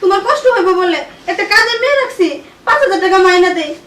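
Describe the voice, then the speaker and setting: A woman's voice: extremely high pitch, animated, quick pace, a bit bright, distant mic. A woman playing a betrayed scolding wife. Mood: angry. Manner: scolding, tearful outbursts. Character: wife catching husband cheating with maid. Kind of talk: amateur skit drama. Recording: echoey room, off-mic, faint music.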